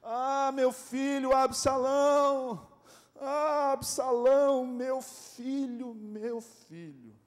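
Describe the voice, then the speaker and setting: A man voicing a grieving old king who wails slowly and in anguish for his dead son, with a Brazilian accent. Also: very high voice, steady tone, pitched above the performer's own voice, full character voice. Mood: anguished grief. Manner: slow anguished wailing cries. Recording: echoey church hall.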